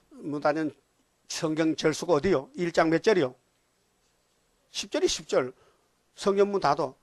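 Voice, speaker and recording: Older male pastor with a Gyeongsang accent, slightly high voice, blunt and animated in a dry room. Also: dry recording. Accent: Gyeongsang Korean. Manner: blunt, animated preaching with rhetorical questions to the congregation. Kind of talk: sermon.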